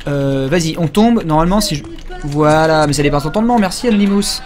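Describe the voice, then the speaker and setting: A man's voice: on the high side, fairly quick, darkish tone. Crude, joking man streaming a game. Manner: rambling, crude and joking, many fillers. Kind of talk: casual live gameplay commentary.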